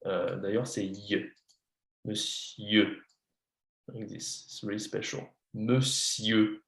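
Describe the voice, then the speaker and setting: Gravelly and on the low side, a man's voice delivers a beginner French lesson flatly at a normal speed, with a roomy sound. Working one-on-one, slowly and repetitively, he patiently spells words letter by letter and explains things in English.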